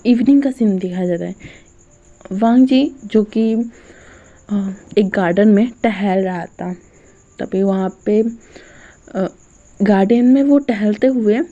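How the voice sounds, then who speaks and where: A woman's voice: medium pitch, mellow, dull audio. A woman retelling a story in a chatty, casual way, with many fillers.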